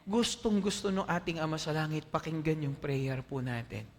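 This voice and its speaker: A Filipino-accented male pastor preaches in an animated, conversational way, often putting questions to his listeners. His voice sits a bit high for a man. It rings with the long reverb of a church hall. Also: normal speed, slight background noise. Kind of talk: sermon.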